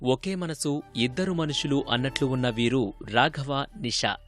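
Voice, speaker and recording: A man's voice: mid-range voice, fairly bright tone, soft background music. Man reading a news feature voice-over. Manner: measured and formal. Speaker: news reporter. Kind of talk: scripted news narration.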